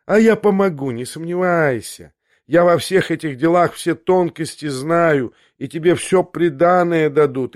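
A man's voice: on the high side, no room sound, pitched above the performer's own voice, lightly acted. A crude young schemer talks in a pushy, sneering way, voiced by a man. The sound is dry and close to the mic. It is a storybook reading. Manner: brash, coaxing, sneering.

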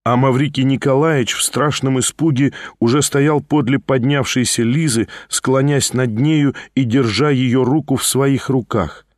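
A man narrating a classic novel as an audiobook in a steady, measured way. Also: medium pitch, no echo, clean studio sound.

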